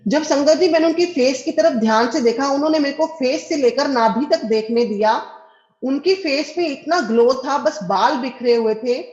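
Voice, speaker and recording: A woman's voice: sits high, normal speed, a little mellow. A middle-aged woman earnestly tells a personal devotional testimony, speaking directly to her listeners and acting out the dialogue. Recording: echoey, dull lo-fi recording.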